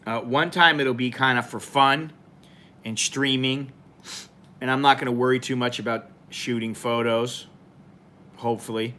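A man's voice: mid-range voice, steady tone, a little slow, long pauses, pushed and bright. A man in his forties rambling casually and informally on a live stream, with plenty of fillers, filmed close up by a camera in a small indoor room.

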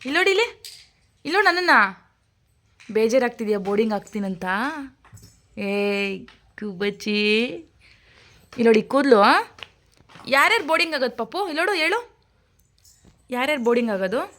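A young woman with a high, light voice talks with her little son at home. She coaxes and teases him with sing-song questions. Her tone is playful, patient and motherly. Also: sing-song, a little fast, long pauses, fairly bright tone. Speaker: mother and vlogger. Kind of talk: playful chat with a toddler.

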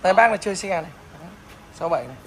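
A man talks quickly in a high voice, hawking a motorbike with salesman patter. He is recorded outdoors on a phone camera, with faint background noise. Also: lively intonation. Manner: fast salesman patter, repeats short tags. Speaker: motorbike dealer vlogger. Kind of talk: casual selling vlog.

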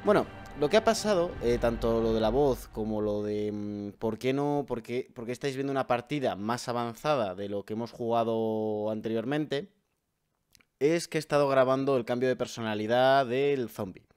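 A man's voice: mid-range voice, normal speed, darkish tone, smooth. A young man with a sore, strained throat, rambling casually to viewers over gameplay and swearing freely. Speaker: gameplay YouTuber. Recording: faint music behind.

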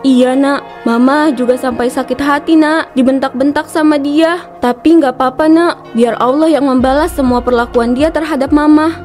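A meek, ailing cartoon mother, played by a woman, who talks softly and groans through her pain. Her voice sits high for a woman. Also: fairly even intonation, moderate pace, faint music behind, lightly acted. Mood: gentle sorrowful. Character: poor, sick middle-aged mother, meek and gentle. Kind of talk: cartoon voice acting.

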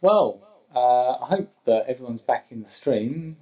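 A man's voice: mid-range voice, lively intonation, a little slow, warm tone, dull audio. A young man streaming a video game as a hunter, chatting casually and muttering wryly to himself as he plays. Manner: wry, muttering to himself while playing. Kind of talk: casual gaming chat.

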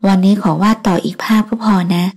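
A woman's voice: fairly quick, darkish tone, lightly acted. A woman voicing a young female model who pleads and whines to stall for time. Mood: pleading. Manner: pleading and whiny.

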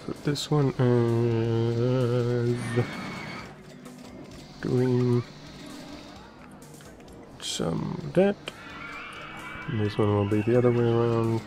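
A man's voice: medium pitch, extremely slow, pauses often, noisy background. A man giving casual commentary while playing a building game, muttering to himself as he works. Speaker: let's play gamer. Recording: game music behind the voice.

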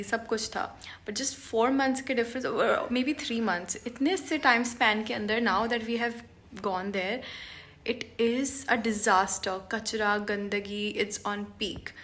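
Young Karachi woman vlogger, fed-up scolding rant, flat delivery, bedroom selfie cam. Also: medium pitch. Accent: Karachi Urdu, mixing in English. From Pakistan. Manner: indignant, scolding, switches between Urdu and English. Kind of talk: ranting to camera. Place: bedroom indoors. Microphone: camera at arm's length.

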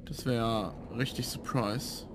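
A man's voice: mid-range voice, steady tone, slow pace, vocal fry, background noise. A man giving casual gameplay commentary as a let's player, musing aloud to himself. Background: game sound.

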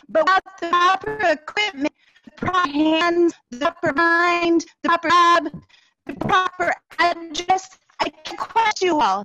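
A woman's voice: very high voice, bright, forceful tone, poor audio. A woman in her forties giving emphatic public comment over a buzzy, glitchy call line that keeps breaking up. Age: 40s. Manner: emphatic, repeating phrases in fragments. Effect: buzzy, glitchy call audio that breaks up. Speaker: caller giving public comment at a town meeting. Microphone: phone or video call.

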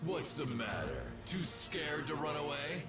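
A man's voice: on the high side, big pitch swings, measured pace. An actor playing an arrogant, cruel king in a game, taunting and contemptuous. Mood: sneering. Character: arrogant cruel man, king of a twisted castle. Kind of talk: game voice acting. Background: game music.

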